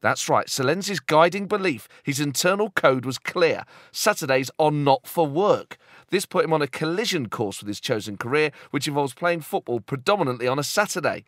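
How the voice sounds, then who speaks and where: A man's voice: fairly high pitch, lively intonation, normal speed, hardly any pauses, a bit bright, dry recording, clean studio sound. A man hosting a podcast, teasing his guest and reading playful mock-serious bits. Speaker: podcast host. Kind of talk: casual chat with mock-serious scripted bits.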